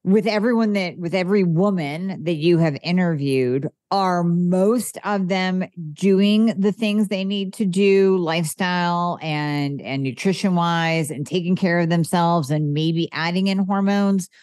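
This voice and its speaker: A woman host with a lowish voice, recorded dry and close. She backs her guest up with quick yeses and asks long questions. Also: a little mellow, no room sound. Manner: affirming listener with short backchannels. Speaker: podcast host. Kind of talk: casual interview chat.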